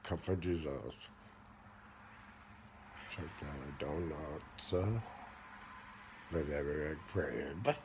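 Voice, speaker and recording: A man in his forties with an American Midwestern accent, rambling half asleep in a drowsy, halting, mumbled drawl with casual swearing. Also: extremely low pitch. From Michigan, United States. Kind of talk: sleep talking, rambling monologue. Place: indoors, lying on a bed or couch. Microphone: phone held close by another person. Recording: noisy handheld phone recording.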